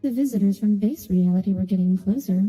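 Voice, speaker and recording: A woman streaming a video game reads the story quest's text aloud and drops in casual commentary along the way. Her medium-pitched voice is mellow, and she speaks at a quick pace. Game music plays behind her in a reverberant recording.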